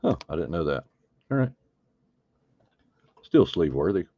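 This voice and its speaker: A man's voice: sits low, very animated, unhurried, dull audio, a little hiss or hum. A man hosting a live card break, chatting casually and thinking aloud as he opens packs. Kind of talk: casual live stream chat.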